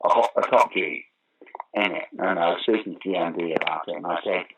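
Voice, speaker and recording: In a very noisy recording, an older interview guest with a low, gravelly voice speaks briskly. He is a pantomime actor who once sang opera, and he tells animated theatre stories emphatically, performing the remarks as he goes.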